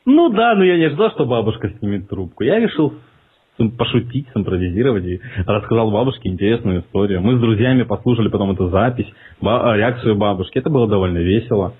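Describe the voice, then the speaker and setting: Prank caller, male, husky, on a thin phone line, mocking and provocative. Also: lowish voice, animated, fast talker.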